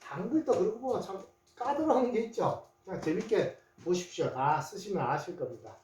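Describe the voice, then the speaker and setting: An English teacher walks through a spoken lesson, going over each point again and again. The voice swings widely in pitch. It sounds roomy and set back from the microphone. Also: expressive, fairly quick, darkish tone. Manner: repeats each point, often starts with "자" and checks in with questions. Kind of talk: spoken lesson writing Korean letters in English. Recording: roomy, voice distant from the mic.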